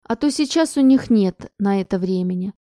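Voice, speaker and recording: A woman's voice: medium pitch, lively intonation, moderate pace, no echo, studio quality, lightly acted. A woman voicing a sullen, defiant teenage new girl who grumbles and snaps back, in an audiobook. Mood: grumbling. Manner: grumbling, sharp retorts.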